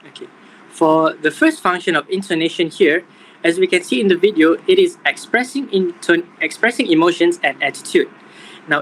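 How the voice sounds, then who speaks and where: A young man reading out a scripted class presentation in a steady manner. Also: fairly high pitch, a little hiss or hum, rough recording. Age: young adult. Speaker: student presenter.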